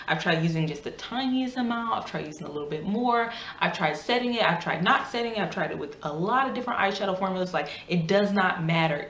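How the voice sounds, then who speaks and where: A woman with a fairly low voice gives a casual, chatty product review to camera. She speaks emphatically, repeating her points, with slightly thick articulation from a swollen lip. The room around her sounds echoey. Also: fairly bright tone. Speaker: beauty YouTuber.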